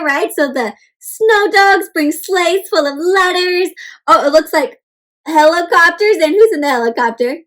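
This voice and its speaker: Her voice is high-pitched with a fairly bright tone as she leads children through an interactive read-aloud. The woman, a teacher and host, stops to ask questions and explains words simply.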